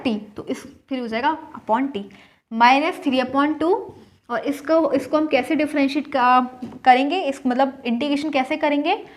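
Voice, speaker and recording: A young woman teaching a maths lesson, explaining slowly, repeating each step and checking in with her students. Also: sits high.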